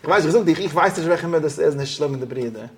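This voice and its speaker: Higher-voiced man teaching a study class. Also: lively intonation, quick pace, a little hiss or hum. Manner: questions the students, switches into English. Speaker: religious teacher.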